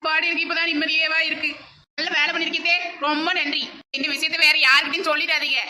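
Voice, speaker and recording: A woman's voice: sits high, level tone, fast talker, sharp tone. A woman with a Tirunelveli Tamil accent, voicing cartoon comedy in a complaining, protesting way. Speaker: voice actor.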